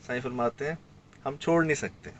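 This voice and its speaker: This man from Sindh, Pakistan, has a medium-pitched voice, captured with the highs cut off and a bit of hiss or hum. Chatting as a guest, he relates a field trip animatedly and acts out the quoted lines of the people in his story.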